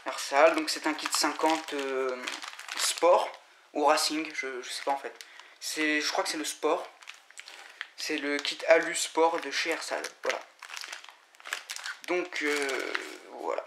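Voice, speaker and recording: A man giving a casual, halting unboxing commentary, full of fillers and restarts. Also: fairly high pitch, fairly even intonation. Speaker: vlogger unboxing scooter parts. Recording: echoey room with loud noise and crinkling.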